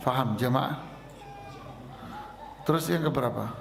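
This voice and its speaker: A man preaching a sermon, telling stories and acting out both sides of the dialogue in a lively way. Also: mid-range voice, a little slow, vocal fry. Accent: Indonesian. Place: mosque. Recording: echoey mosque hall.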